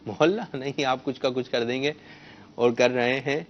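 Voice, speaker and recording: A man's voice: mid-range voice, flat delivery. A man hosting a children's quiz show, coaxing the kids and correcting their pronunciation. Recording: muffled lo-fi broadcast sound.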